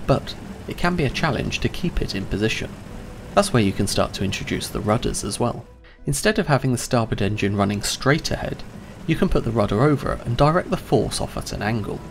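A man giving a scripted, clear and measured explainer narration about handling ships. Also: medium pitch, expressive. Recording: voice-over with faint music behind.

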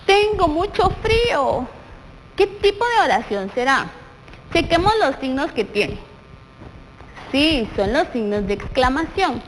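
A woman's voice: high-pitched, sing-song, measured pace. A young woman with a Guatemalan Spanish accent teaching a primary school class on television, encouraging the children and answering her own questions. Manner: encouraging, asks questions and answers them herself. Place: TV studio set with a desk. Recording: long reverb, faint background noise.

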